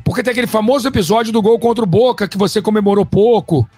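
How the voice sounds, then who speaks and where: Casting: male Brazilian sports interviewer, casual and high-pitched, dry studio-close sound. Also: fast talker, darkish tone, breathy edge, dry recording, soft background music. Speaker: sports interviewer and match narrator.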